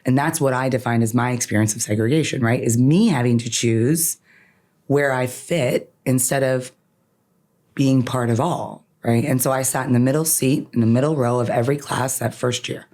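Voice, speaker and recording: A woman with a bass voice and darkish tone talks at a moderate pace. She's an attorney who grew up in Canada, first language Farsi, speaking earnestly and emphatically as a podcast guest in personal reflection, often finishing a point with "right?"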